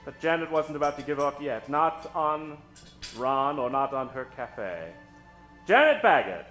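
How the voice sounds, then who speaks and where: On a theater stage before an audience, a male radio host slowly and theatrically spoofs old-time radio horror, announcing and telling stories with mock-ominous dramatic pauses. His mid-range, fairly bright voice swings widely in pitch over live keyboard music.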